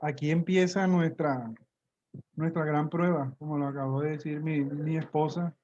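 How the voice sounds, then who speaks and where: Dark-voiced pastor giving testimony. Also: male voice, a little high, steady tone, moderate pace, muffled recording. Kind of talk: church testimony.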